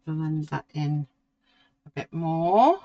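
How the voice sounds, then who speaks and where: Unhurried art tutor, a woman, gravelly and musing aloud as she works. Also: low-pitched, lively intonation, warm tone, no echo, highs cut off. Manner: slow, musing, talks to herself while drawing. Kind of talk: relaxed painting tutorial.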